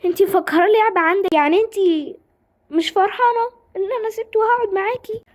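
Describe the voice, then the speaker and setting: A young woman with an Egyptian accent voicing a jealous, sharp-tongued teenage girl who scolds her friend in a doll-game drama. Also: very fast, close to an everyday voice. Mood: scolding. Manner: scolding, high-pitched.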